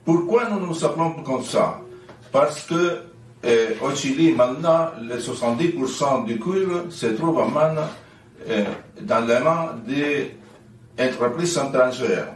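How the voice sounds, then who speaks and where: Slow elderly man, Chilean Spanish-accented French. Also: medium pitch, expressive. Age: 70s. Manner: halting, searching for words. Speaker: speaker, NGO president. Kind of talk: commemorative political speech. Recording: distant mic, roomy echo, faint noise.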